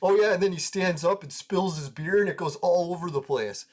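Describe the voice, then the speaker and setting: A man's voice: sits high, brisk, darkish tone. A man chatting casually over gameplay, rambling through anecdotes, laughing often and swearing freely. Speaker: gaming video creator.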